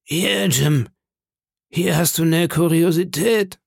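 A man's voice: on the high side, slow, vocal fry, husky, dry recording, pitched above the performer's own voice, full character voice. A man voicing a cunning older male pirate leader who talks in a scornful, threatening way, in a storybook reading. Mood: mocking.

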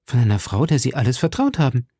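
A man's voice: mid-range voice, huge pitch swings, fast, mellow, slightly rough, no echo. A man voicing a frightened young woman who grows faint, with a breathless, pleading, lifted voice. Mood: anxious.

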